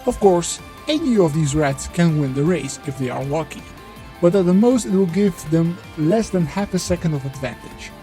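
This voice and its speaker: Man through a voice changer, mellow tone. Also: fairly high pitch. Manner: blunt, sweary, loose and halting when off script. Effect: voice changer disguising his voice. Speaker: indie game developer. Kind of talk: devlog voiceover.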